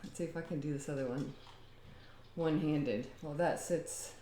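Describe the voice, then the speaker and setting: Chatty low-voiced woman. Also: normal speed, roomy sound, background noise. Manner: rambling and talkative, often laughing. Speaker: home DIY vlogger. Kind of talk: casual chatty demonstration. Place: home.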